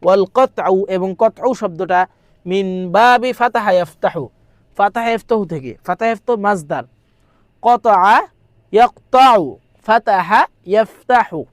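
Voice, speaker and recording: Dry-voiced tutor, repetitive teaching. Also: male voice, high-pitched, moderate pace, no room sound. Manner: reads lines aloud, translates, repeats, asks rhetorical questions. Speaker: madrasa exam tutor. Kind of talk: recorded grammar lesson.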